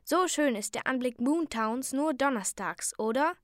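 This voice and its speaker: A lively twelve-year-old elf girl calls out cheerfully in a storybook, pitched well above the reader's usual tone, as a woman puts her on. She sounds excited and eager. The recording is close and dry, with no room sound. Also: a little slow, dry recording.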